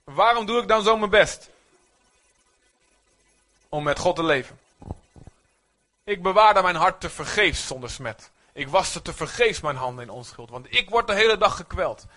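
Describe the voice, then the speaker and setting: Male pastor, lively sermon delivery, slightly high-pitched voice. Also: moderate pace, long pauses. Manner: animated, rising to near-shouts when voicing prayers; speaks to the congregation, asks for amens.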